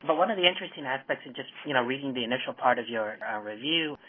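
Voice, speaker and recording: A man moderating an academic panel, putting wordy questions to his colleagues in halting phrasing. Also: medium pitch, breathy edge. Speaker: discussion moderator. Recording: tinny narrow-band phone line.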